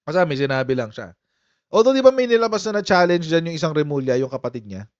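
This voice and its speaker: A man's voice: fairly high pitch, big pitch swings, fast, no echo. Chatty man talking on a live stream. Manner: chatty, laughs often, calls viewers "mga kotsero". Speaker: political commentary host. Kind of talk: casual live-stream commentary. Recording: dull, muffled lo-fi sound.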